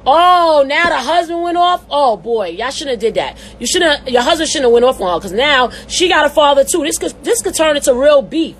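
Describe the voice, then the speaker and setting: A woman hosting an advice show, reading a listener's letter aloud and answering it with blunt, profane, animated commentary. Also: sits high, normal speed, hardly any pauses, a little hiss or hum.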